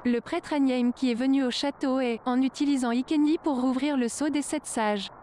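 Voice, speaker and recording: A synthetic text-to-speech voice with a female sound, reading game text aloud in a flat machine way and stumbling over unusual words. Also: high-pitched, normal speed, slight background noise. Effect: synthetic text-to-speech robot voice. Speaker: automatic translation reader in a game.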